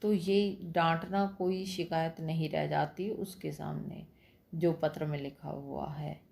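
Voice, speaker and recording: A woman's voice: low voice, flat delivery, slow pace, gravelly, a little mellow. A woman school teacher explaining a story lesson, who keeps speaking to the children and answering her own questions.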